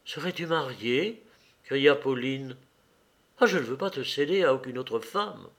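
A male reader voicing a young woman in love, tender and rapturous, in a slowly read audiobook. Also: mid-range voice, animated, fairly bright tone. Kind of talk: audiobook character reading.

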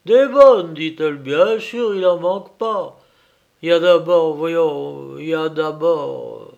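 A talkative middle-aged farm wife from a storybook, rustic and emphatic, put on by a male reader with a raised, lifted voice. She chatters on insistently, her voice pitched well above plain speech. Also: slow, creaky, a little mellow, highs cut off. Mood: eager.

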